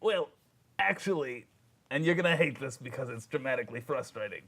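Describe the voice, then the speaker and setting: Gravelly-voiced man at a game table. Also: mid-range voice, animated, brisk, a bit bright. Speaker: player. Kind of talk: casual in-character play.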